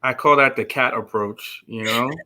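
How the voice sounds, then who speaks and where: A man co-hosting a laid-back chat show, with a very bright, sharp voice in a middle pitch. He jokes easily and reads out comments from viewers. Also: moderate pace. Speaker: co-host. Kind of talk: casual chat.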